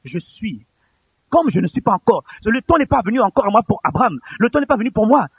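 A man's voice: very high-pitched, very animated, quick pace, slightly rough, no echo. A man preaching a sermon in a church, impassioned and pleading, repeating his phrases for emphasis. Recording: tinny phone-like recording.

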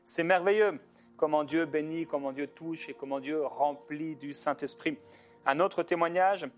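A man's voice: a little high, faint music behind. Fervent rambling pastor man. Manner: fervent, rambling, with many filler pauses and restarts. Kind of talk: informal ministry talk to viewers.

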